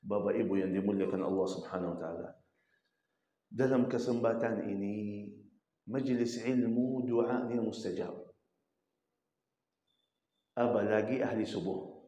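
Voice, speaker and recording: Impassioned preacher in an echoey mosque. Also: male voice, mid-range voice, measured pace, long pauses. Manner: impassioned, acts out pleading prayers with swings from loud to hushed. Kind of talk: dawn mosque sermon. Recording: echoey, slightly dull hall sound.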